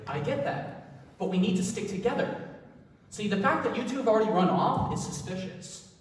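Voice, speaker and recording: A man's voice: high voice, lively intonation, moderate pace, slight background noise. An actor on a stage playing a young man who takes charge of a frightened group, recorded from far off in an echoey hall. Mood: commanding. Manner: bossy, rallying the group. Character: take-charge young man, Jeremy, trying to lead. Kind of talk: amateur stage comedy acting. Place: large school theater hall.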